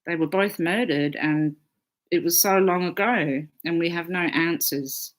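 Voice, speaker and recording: A woman's voice: on the low side, unhurried, slight background noise. Chatty, sweary woman astrologer. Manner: chatty, swears freely, reads viewer comments aloud. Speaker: astrologer hosting a live stream. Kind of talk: casual live-stream chat.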